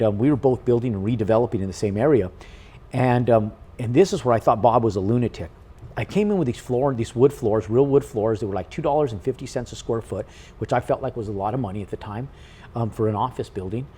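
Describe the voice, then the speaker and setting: A man in an interview who tells his story casually, animated and with casual swearing. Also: medium pitch, fast, breathy edge. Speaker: podcast guest, real estate investor.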